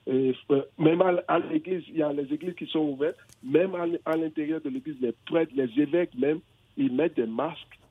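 A man's voice: fairly high pitch, fairly quick, husky, no room sound. A man from England calling into a radio show, hesitant and searching for words, with many restarts. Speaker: caller. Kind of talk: phone-in conversation. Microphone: telephone. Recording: tinny phone line.

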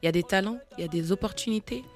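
A woman's voice: mid-range voice, racing, faint music behind. A woman raised in France talks as a guest in an interview, earnestly promoting a festival she organizes. Her voice sits in the middle range for a woman. She runs through plans and names with eager, promotional conviction.

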